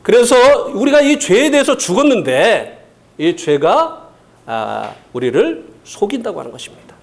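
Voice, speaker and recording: A male pastor preaching a sermon with a high, lively voice that swoops up and down. He keeps checking in with the congregation and now and then acts out a coaxing, tempting voice. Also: unhurried, vocal fry. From South Korea.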